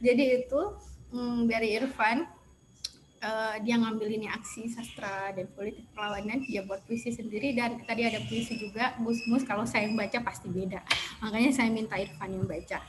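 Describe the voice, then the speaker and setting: A woman's voice: fairly high pitch, moderate pace, noisy background. A woman teacher talking casually and chattily to her class, informal and loose. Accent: Indonesian. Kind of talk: casual online class talk.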